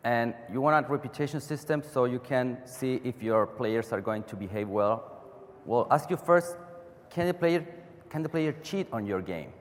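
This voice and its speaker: With an animated, mid-range voice at normal speed, a Chilean conference speaker delivers a technical talk. The big hall adds a long, echoing reverb, and his speech features non-native phrasing, frequent restarts and a rhetorical "right?"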